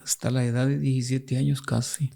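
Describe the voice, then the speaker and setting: A man from El Salvador with a Salvadoran Spanish accent, a pastor speaking as a guest on a radio interview, measured and hesitant, often answering with short murmurs of agreement. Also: medium pitch, level tone, creaky, dark tone.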